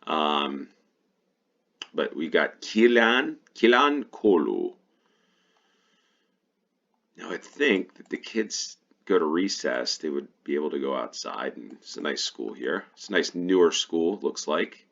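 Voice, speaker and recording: An American man talks through a geography game in a relaxed, thinking-aloud way, often correcting himself. His voice sits extremely low with a gravelly fry. It comes through a slightly dull, lo-fi mic. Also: moderate pace, hardly any pauses. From United States. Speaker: GeoGuessr player and host. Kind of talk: casual gameplay commentary.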